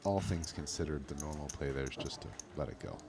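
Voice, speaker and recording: Very deep-voiced man, casual poker commentary. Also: fast talker. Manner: conversational, hedging, loosely phrased. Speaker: professional poker player, guest commentator. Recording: noticeable background noise.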